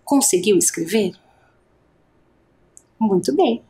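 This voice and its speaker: A woman's voice: medium pitch, animated, takes it slowly, warm tone. A woman teacher giving an adult literacy lesson, speaking patiently and stretching out each vowel sound.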